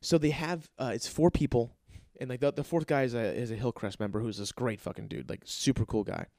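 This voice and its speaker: A young man telling a story in a casual, excitable, profane way, acting out quotes in different voices. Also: medium pitch, brisk, dry recording, studio quality. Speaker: golf caddy telling a story.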